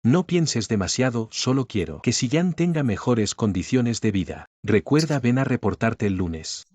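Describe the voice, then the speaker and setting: A man's voice: medium pitch, animated, a little slow, a little mellow, dry recording. An actor dubbing a domineering, stern male CEO in a melodrama. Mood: commanding. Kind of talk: dubbed melodrama acting.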